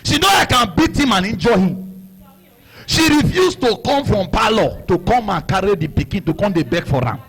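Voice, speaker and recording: A middle-aged man with a Nigerian accent, preaching a sermon as a story, animated, laughing and shouting for emphasis. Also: sits high, moderate pace, slightly rough. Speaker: pastor.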